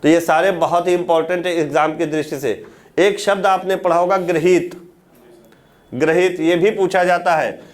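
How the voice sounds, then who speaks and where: High-voiced man teaching a class. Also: fairly even intonation, normal speed. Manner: asks the class questions and answers them himself, repeats key words. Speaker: Hindi exam teacher. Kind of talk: classroom lecture.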